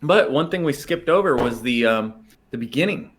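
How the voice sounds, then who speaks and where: A man's voice: medium pitch, lively intonation, moderate pace. A man co-hosting a podcast in casual chat, rambling and laughing as he tells a story. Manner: rambling, laughs often, restarts sentences. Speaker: podcast co-host.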